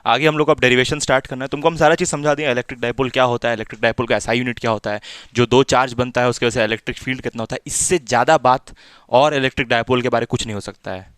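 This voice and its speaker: A man's voice: medium pitch, steady tone, very fast, fairly bright tone, smooth, no room sound, clean studio sound. A man tutoring physics in a small room, repeating himself as he coaxes and mildly scolds his students. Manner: repetitive, coaxing, mildly scolding. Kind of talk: classroom teaching.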